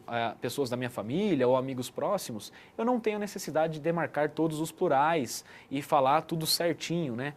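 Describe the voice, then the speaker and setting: A man giving an explanatory online lesson as a teacher, checking in with the listener often. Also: a little high. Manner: didactic, frequent "né" tag questions.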